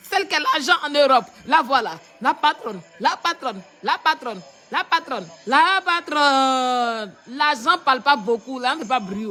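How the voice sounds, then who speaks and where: A woman from Ivory Coast does live-stream commentary on social media, mocking and repetitive, and she often laughs while talking. Her voice is high with a sharp tone.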